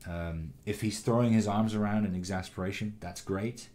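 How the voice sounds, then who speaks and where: A man teaching animation, giving a calm, encouraging critique of a student's shot with frequent ums and restarts. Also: on the low side, moderate pace. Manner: calm, encouraging, many fillers. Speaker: animation instructor. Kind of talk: recorded critique of student work.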